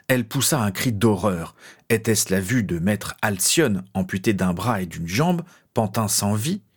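A man narrating a fantasy story as an audiobook, measured and dramatic. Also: lowish voice.

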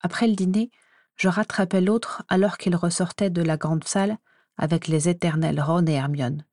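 A woman reading a first-person story aloud in an even, measured way. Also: on the low side, dry recording, clean studio sound. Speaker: audiobook reader.

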